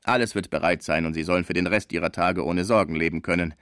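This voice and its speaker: A man's voice: sits low, fast, fairly bright tone, clear, resonant tone, dry recording, clean studio sound, pitched below the performer's own voice. A man reading aloud, voicing a vain, ambitious theatre director who is being generous. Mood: assuring.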